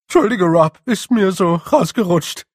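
A jittery little blue fairy man, forever apologising in a high, squeaky voice that sits far above a normal man's speaking voice, with a man acting him out. He blurts everything out loudly and anxiously. The recording is dry, like a storybook reading. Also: unhurried, no echo. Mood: sheepish. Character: tiny, fretful blue male fairy warrior.

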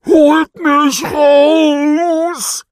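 A man's voice: medium pitch, sing-song, slow pace, no room sound, studio quality. A man voicing a grumpy, greedy male badger who snarls and bosses others around, for a children's audiobook. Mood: trapped, demanding. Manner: snarling, bossy.

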